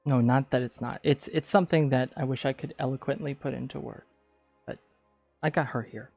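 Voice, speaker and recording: Halting man chatting on his art stream. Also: medium pitch, fairly even intonation, vocal fry, darkish tone, dry recording, soft background music. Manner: halting, restarts often. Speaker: streamer, artist. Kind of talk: casual chat.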